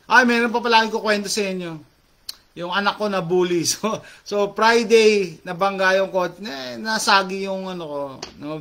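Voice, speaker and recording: A talkative middle-aged man hosts a casual chat with his viewers, reading their comments aloud. His voice sits slightly higher than most men's. He switches freely between Tagalog and English phrases, leaning on fillers as he talks. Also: a bit bright.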